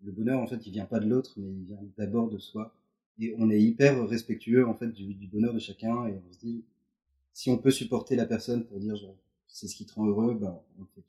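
A slightly fast, dark-toned voice on the low side, steady throughout, comes from a man in his thirties being interviewed casually in a couple's apartment. As a guest, he tells stories in a loose, filler-heavy way.

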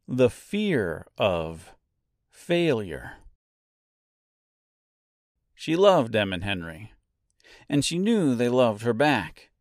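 A man's voice: medium pitch, no room sound, studio quality. A man reading a novel aloud as scripted narration, drawing out key words for drama. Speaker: audiobook narrator.

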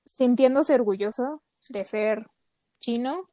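A woman's voice: on the high side, takes it slowly, mellow. A woman co-hosting a casual podcast chat, talking with lots of fillers. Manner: chatty, many fillers. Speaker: podcast co-host.

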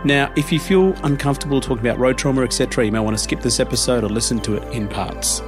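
A man's voice: medium pitch, quick pace, music in the background. A man hosting a podcast, giving a prepared explainer. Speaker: podcast host.

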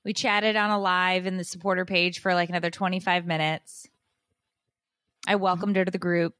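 A woman podcast host in casual chat, telling a story with lively acted-out quotes. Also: on the low side, moderate pace, clean tone, no room sound, studio quality. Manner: animated storytelling, acts out quotes.

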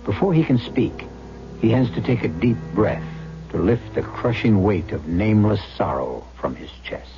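A man's voice: on the low side, lively intonation, normal speed. A man hosting and narrating a radio drama in a dramatic, scripted style. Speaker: host and narrator. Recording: dull old radio broadcast. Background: music.

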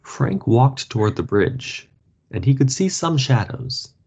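A man reading a story aloud for learners, slow and expressive. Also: medium pitch, husky. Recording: dull lo-fi podcast audio.

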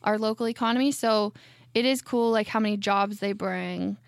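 A woman in her late twenties co-hosting a casual podcast chat, relaxed and chatty with lots of fillers. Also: medium pitch, normal speed, vocal fry, no echo, clean studio sound. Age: 20s. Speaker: podcast co-host. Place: studio.

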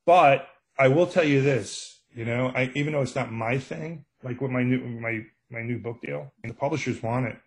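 A man's voice: medium pitch, moderate pace, few pauses. An older middle-aged man with a Brooklyn accent, talking casually and anecdotally as an author being interviewed. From Brooklyn, New York. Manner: anecdotal, acts out quoted exchanges. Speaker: true crime author, podcast guest.

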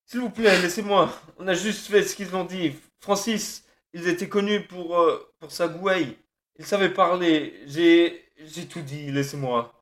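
A panicked captive in an audio drama, played by a man, his high voice cracking as he stammers, begs and curses. He sobs through his words, breaking into broken pleas. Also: steady tone, moderate pace, fairly bright tone. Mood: sobbing. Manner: panicked, stammering, pleading and cursing. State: sobbing. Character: terrified captive thug under interrogation, male adult.

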